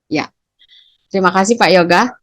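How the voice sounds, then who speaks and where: A middle-aged woman presents training material to fellow teachers, voicing sample teacher and student lines with shifting intonation. Her voice sits in a middle pitch and is recorded close, with little room sound. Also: moderate pace, dry recording. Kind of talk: explaining to colleagues in a staff training session.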